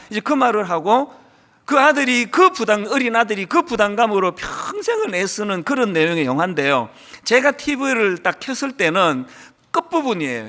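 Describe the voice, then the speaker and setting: A middle-aged man preaches to his congregation, his voice high and lively as he retells a story and acts out lines with swelling feeling. The sound rings with long reverb from a large church hall. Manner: storytelling, acting out film lines with rising emotion. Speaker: pastor. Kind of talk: sermon.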